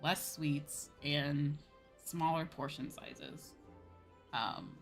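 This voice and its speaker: A woman hosting a live gaming stream chats casually and expressively, rambling with viewers in a low voice that moves very slowly. Music plays in the background behind her.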